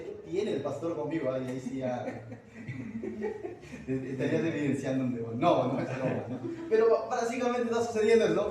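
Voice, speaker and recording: Pastor from Peru, high voice, chatty Bible teaching; captured far off in a booming church hall. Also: male voice, a little mellow, a little hiss or hum. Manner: conversational, asks the congregation questions. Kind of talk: verse-by-verse Bible study sermon.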